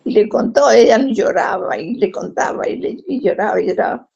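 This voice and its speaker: A woman's voice: on the high side, moderate pace, creaky, slightly rough, dull audio. A woman with a Rioplatense Spanish accent tells a personal testimony, acting out the voices of the people in her story. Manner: animated, acts out quoted speech.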